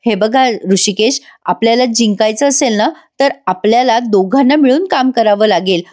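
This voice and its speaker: A resolute young wife, read by a woman retelling a serial, calm and steady in a fairly high voice. She reassures without wavering. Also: moderate pace, lightly acted.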